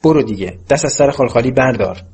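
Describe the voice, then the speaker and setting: A man voicing an irritable teenage schoolboy with a quick, exasperated way of talking in an audiobook reading. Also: mid-range voice, expressive, a little mellow, breathy edge. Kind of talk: audiobook character voice.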